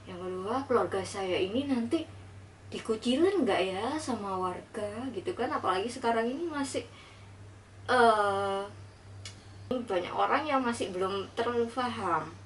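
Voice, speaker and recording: A woman's voice: a little high, animated, measured pace. A young woman tells a personal story in an earnest, reflective voice. She sits a little way from the mic, and there is a faint hiss behind her. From Indonesia. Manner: earnest, reflective retelling, acting out dialogue. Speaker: vlogger. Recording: slightly distant mic with faint noise.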